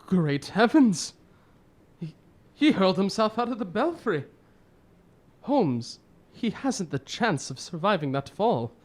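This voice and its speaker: A woman playing a loyal, excitable male sidekick doctor in old-time radio drama style, earnest and indignant. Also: medium pitch, slow pace, pauses often, slight background noise. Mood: alarmed.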